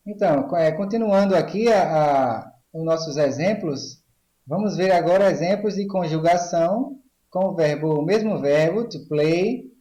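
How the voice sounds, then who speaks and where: A man's voice: fairly high pitch, dark tone, roomy sound, low-quality recording. A man with a Brazilian Portuguese accent teaching an online English grammar lesson, explaining step by step and often checking in with the class. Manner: explains slowly, checks in with "ok?" and "tá certo?".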